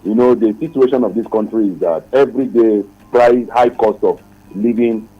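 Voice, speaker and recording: A man's voice: fairly low pitch, normal speed, breathy edge. A man calling in to a radio talk show, speaking earnestly and repeating his points, his voice muffled as if heard through a wall over a dull phone line. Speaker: caller.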